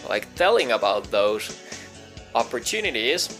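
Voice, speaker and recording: A man describing a project, halting with many fillers. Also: medium pitch, sing-song, a bit bright, faint music behind. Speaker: project participant.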